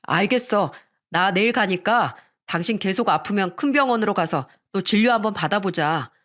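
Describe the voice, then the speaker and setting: A woman's voice: medium pitch, animated, moderate pace, a bit bright, close to an everyday voice. A woman reading a worried young husband. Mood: concerned. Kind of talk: radio story reading.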